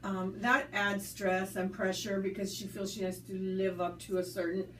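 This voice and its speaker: With faint music behind her, a school staff member born in the US speaks in a slightly bright, mid-range voice, flat in delivery and moderately paced. It's a conversational interview, and she's earnest and thoughtful, with fillers and restarts. The mic sits at a distance in a roomy space, picking up faint noise.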